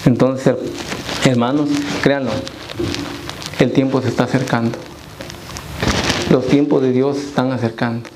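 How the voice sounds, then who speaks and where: A man's voice: mid-range voice, steady tone, a little slow, long pauses, background noise. A man leading a church Bible study, reading scripture aloud and quizzing the congregation.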